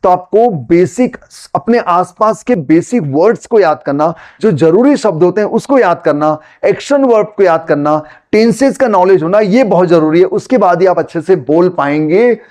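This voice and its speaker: High-voiced Gujarati-accented man teaching. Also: expressive, a little mellow. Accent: Gujarati-accented Hindi. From Gujarat, India. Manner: conversational, repeats examples slowly and explains them. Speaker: English teacher. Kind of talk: spoken English lesson.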